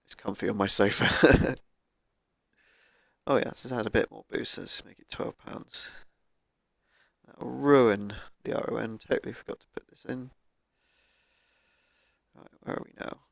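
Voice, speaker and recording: Man, low and gravelly with a croaky cold, casual gaming commentary, dry cheap mic. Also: a little slow, long pauses, no room sound. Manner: thinking aloud, laid-back, with fillers. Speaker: gaming YouTuber. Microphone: cheap microphone.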